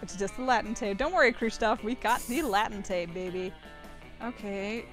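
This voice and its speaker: A woman's voice: mid-range voice, moderate pace, fairly bright tone, soft background music. A woman streaming a dating game, chatting casually, swearing freely and reading game text aloud. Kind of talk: casual gameplay chat with guests.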